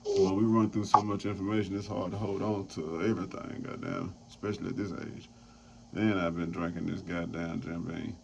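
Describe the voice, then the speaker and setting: A man's voice: deep voice, little pitch movement, normal speed, creaky. A man hosting a casual roundtable chat, loose and profane, rambling as he talks. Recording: dull lo-fi sound, faint noise.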